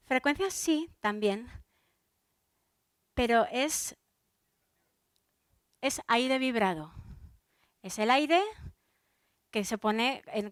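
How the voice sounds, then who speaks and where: A Spanish woman, a soprano, gives a lively talk on stage into a microphone, her voice a little high. She talks straight to the audience in a chatty way, stopping and restarting her sentences. The sound is close and dry, with no room echo. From Spain. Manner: chatty, addresses the audience directly, many fillers and restarts. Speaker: soprano giving a public talk.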